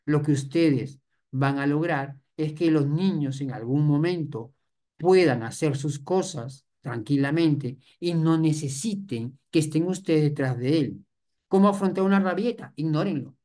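Low-voiced woman giving emphatic parenting advice. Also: darkish tone. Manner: emphatic, repeats key phrases. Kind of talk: parenting talk.

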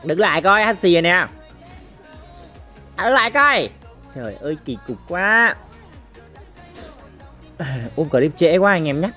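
A woman giving lively gameplay commentary as a mobile game streamer, chatting to viewers and making shooting sound effects. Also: lowish voice, moderate pace, pauses often, soft background music.

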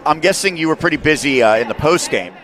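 A man's voice: fairly high pitch, animated, fast, fairly bright tone. A man in his thirties hosting a postgame show, asking long polished setup questions on a headset mic courtside in an empty gym. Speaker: sports network host. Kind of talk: postgame sports interview.

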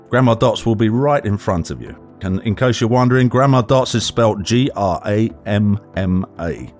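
A man reads a scripted travel-guide voice-over in a fairly low voice. He sounds clear and informative as he gives step-by-step directions. Soft music plays faintly behind him. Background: faint background music.

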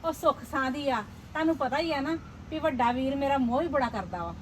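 A woman's voice: high-pitched, fairly quick, a little hiss or hum, close to an everyday voice. An actress with a Punjabi accent playing a greedy, scheming elder sister who bosses her husband in a village family drama. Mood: bossy. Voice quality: scornful, bossy. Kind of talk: Punjabi web drama acting.

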